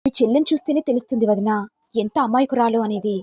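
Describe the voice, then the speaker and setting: A woman's voice: on the high side, quick pace, darkish tone, slightly rough, no echo, studio quality. A woman voicing a troubled young brother-in-law in a story, complaining earnestly about his wife.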